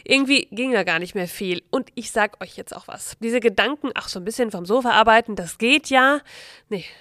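A woman's voice: fairly high pitch, a little fast, sharp tone, no echo, clean studio sound. Chatty woman explaining the news. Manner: chatty, ironic asides, frequent "ja". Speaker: news presenter. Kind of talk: casual news explainer to viewers.

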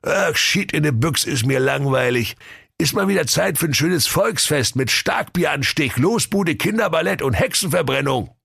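A lazy, pompous king in a comic radio story who blusters and barks commands, put on by a male narrator. The voice sits well above the narrator's own and swings widely in pitch. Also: lively intonation, moderate pace, gravelly, a bit bright, slightly rough, no echo, studio quality, exaggerated voice. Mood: grumpy. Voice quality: blustering, bossy.

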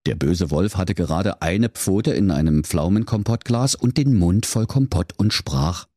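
A man narrating a comic fairy tale in a playful, expressive storytelling manner. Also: sits low, a little slow, dry recording, studio quality.

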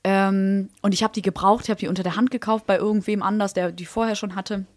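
A woman's voice: mid-range voice, fast talker, no room sound. A young woman, talking into a podcast mic. She tells her stories in a chatty, blunt way. The sound is dry and close, with no room behind her. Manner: chatty storyteller, lively and blunt. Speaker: podcast co-host. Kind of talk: casual chat.

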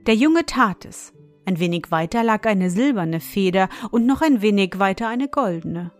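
A woman narrating a fairy tale in a calm, measured storytelling manner. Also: medium pitch, soft background music.

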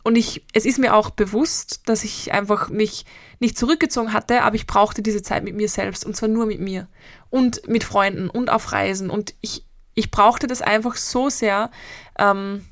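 A woman's voice: mid-range voice, steady tone, normal speed, no room sound. Austrian woman in her 20s, coach doing a solo podcast, chatty and rambly, lots of ums, dry close sound. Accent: Austrian German. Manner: rambling and personal, with frequent hesitations. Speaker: mental coach and podcast host. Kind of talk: reflective solo podcast talk.

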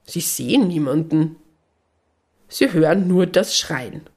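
Gentle breathy woman telling a bedtime story. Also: sits low, expressive, slow. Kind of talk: children's story narration.

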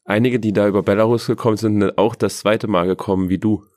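A male interviewer asking calm, measured questions with a few fillers. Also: on the low side, no echo, studio quality.

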